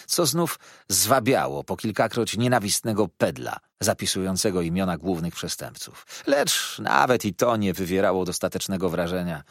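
Give me a man narrating a classic novel with expressive, lively storytelling and a dry studio sound. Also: sits low, vocal fry, no room sound. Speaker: audiobook narrator.

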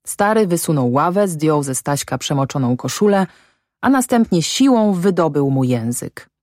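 A woman reads a literary story aloud in a steady, measured way. Her voice sits on the low side and sounds dry and close. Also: no room sound. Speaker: audiobook reader. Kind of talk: scripted narration.

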